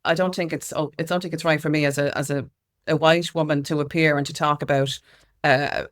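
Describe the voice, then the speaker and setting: In a conversational interview, a music consultant and campaigner with an Irish accent speaks a little fast in a low, steady voice. She is informal and emphatic, sharing anecdotes in which she acts out other people's lines.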